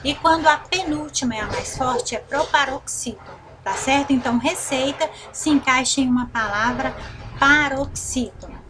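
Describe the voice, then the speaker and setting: A woman's voice: sits high, noisy background. Brazilian teacher woman drawing out syllables. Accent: Brazilian Portuguese. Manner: slow, drawn-out repetition of syllables, frequent "né?" and "tá certo?" check-ins. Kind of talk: recorded online grammar lesson.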